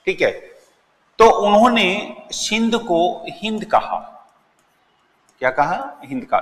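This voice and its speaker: Male grammar teacher at the front of a classroom, a lively voice that rises and falls a lot, asking the class questions and answering them himself. Recorded in a roomy, reverberant room. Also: a little high. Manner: repeats key words slowly for emphasis. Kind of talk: classroom lecture. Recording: echoey classroom with long reverb.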